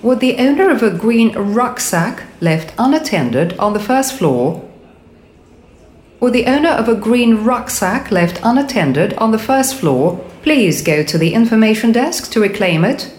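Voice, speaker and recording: A woman's voice: fairly high pitch, big pitch swings, a little slow, darkish tone. Airport PA announcer, female, acted: formal repeated pages, lilting intonation, echoey sound. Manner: formal, repeats each message. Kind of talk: public address announcement.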